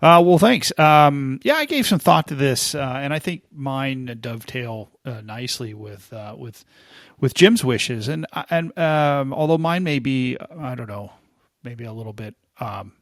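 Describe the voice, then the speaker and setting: A man on a panel podcast, speaking haltingly with many fillers. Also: mid-range voice, lively intonation, dry recording, clean studio sound. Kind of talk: casual panel discussion.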